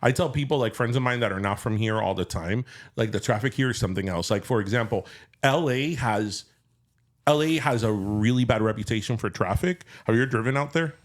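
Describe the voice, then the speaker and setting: A man's voice: mid-range voice, brisk. A man, born in Cuba, hosting a podcast in casual chat and acting out quotes as he tells stories. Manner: animated storyteller, acts out quotes. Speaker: podcast host.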